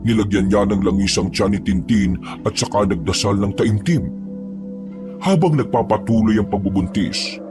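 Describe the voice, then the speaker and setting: A man narrating a horror story in a steady, grave manner. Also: fairly low pitch. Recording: narration over loud music.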